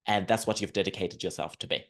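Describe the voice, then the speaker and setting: Deep-voiced man hosting. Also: fast talker, a bit bright. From Zimbabwe. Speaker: podcast host. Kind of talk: conversational interview.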